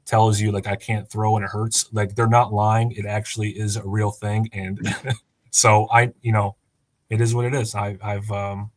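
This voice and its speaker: Relaxed man of thirty, low flat voice. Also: normal speed, no echo. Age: 30s. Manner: relaxed, chatty, many fillers and restarts. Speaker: guest, former college quarterback. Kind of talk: casual podcast chat.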